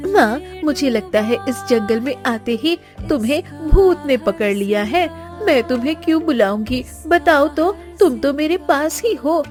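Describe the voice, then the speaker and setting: A woman's voice: high voice, animated, unhurried, few pauses, darkish tone. A woman voicing a playful teenage girl who teases her mother, over background music. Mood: teasing. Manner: teasing, cheeky. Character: playful teenage girl, teasing younger sister. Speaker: voice actor. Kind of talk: dubbed cartoon acting.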